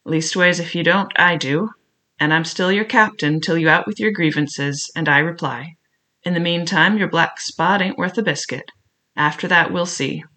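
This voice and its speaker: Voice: medium pitch, normal speed, sharp tone, close to an everyday voice. A reader voicing a sly, scornful old pirate cook. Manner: wheedling, mocking, sly. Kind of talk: audiobook character reading.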